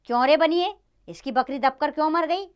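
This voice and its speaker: A woman's voice: a little high, sing-song, moderate pace, a bit bright. A woman voicing a foolish, blustering king who barks orders in a children's play reading. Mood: bossy. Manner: commanding, barking orders.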